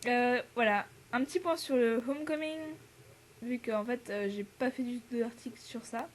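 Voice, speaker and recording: A teenage French exchange student chats casually to the camera, her fairly high voice moving at a normal speed. She fills her talk with fillers, laughter and bits of English, and there's slight background noise.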